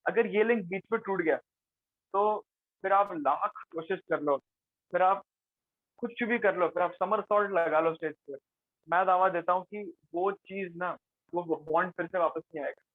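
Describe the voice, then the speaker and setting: Man, workshop facilitator, fairly high voice, dry phone-like sound. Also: moderate pace, no room sound. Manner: mixes Hindi and English, explains with rhetorical questions. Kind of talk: conversational workshop talk.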